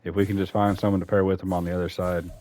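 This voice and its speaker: Low-voiced man chatting through a game. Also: little pitch movement, racing, a little mellow, dry recording. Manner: rambling, self-correcting, chatty. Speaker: gaming YouTuber. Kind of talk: casual franchise-mode commentary.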